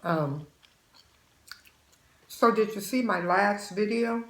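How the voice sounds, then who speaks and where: With medium pitch and a fairly bright tone, she speaks slowly in a room with a spacious sound. She's a woman in her sixties running her own channel, eating and chatting while handing out folksy, motherly advice to her "babies."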